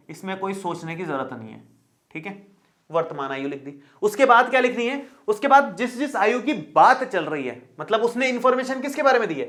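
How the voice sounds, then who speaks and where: Working through a math lesson one step at a time, a man speaks in a high register with a fairly bright tone. He's a teacher who keeps things chatty and reassuring, frequently going back over points and asking how the viewer is doing.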